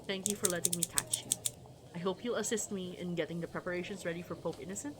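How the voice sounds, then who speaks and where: A woman voicing a gentle, wise male church dean in a visual novel, formal and kindly. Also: fairly low pitch, fairly even intonation, fast, heavy background noise, natural voice. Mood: gentle, reassuring. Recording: music behind the voice.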